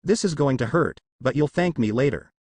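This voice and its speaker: A man's voice: medium pitch, lively intonation, moderate pace, darkish tone, slightly rough, dry recording. A man voicing a dry, sarcastic young woman warrior in a storybook reading. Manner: dry and cutting.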